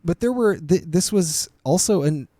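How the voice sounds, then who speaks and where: Lively, animated man co-hosting a podcast. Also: high-pitched, moderate pace, dry recording, studio quality. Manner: animated, laughs often, trails off and restarts. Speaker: podcast co-host. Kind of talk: casual movie podcast chat.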